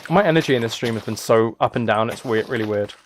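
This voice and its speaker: A livestreaming host chats casually with viewers while playing a video game, playful and teasing and drifting into rambling asides. He talks fast in a mid-range voice, and keyboard typing and clicks come through clear noise.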